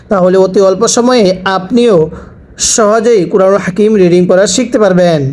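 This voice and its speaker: A man teaching Quran reading, slowly spelling out letters and their sounds for learners to repeat. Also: sits high, darkish tone. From Bangladesh. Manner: slow, deliberate spelling-out of letters with pauses. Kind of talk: slow recitation lesson with repeat-after-me drills.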